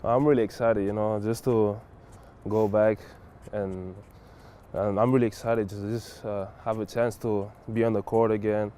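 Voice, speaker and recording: A young college basketball player from Spain gives casual interview answers in a low, mellow voice at a moderate pace. He's relaxed and leans on fillers like "like" and "whatever." There's a little hiss or hum on the recording.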